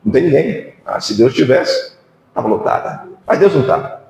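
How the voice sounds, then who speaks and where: Impassioned Brazilian pastor in echoey hall. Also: male voice, medium pitch, big pitch swings, normal speed, vocal fry, darkish tone. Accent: Brazilian Portuguese. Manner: impassioned preaching with rhetorical questions. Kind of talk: sermon. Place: church hall.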